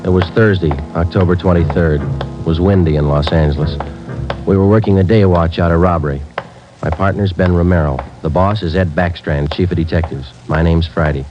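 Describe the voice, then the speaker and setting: Joe Friday, a man doing a deep clipped detective. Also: a little fast, over music, close to an everyday voice. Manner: clipped, flat, matter-of-fact. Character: terse male police detective sergeant narrating. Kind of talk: 1950s radio drama acting. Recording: dull old radio transcription with faint hiss.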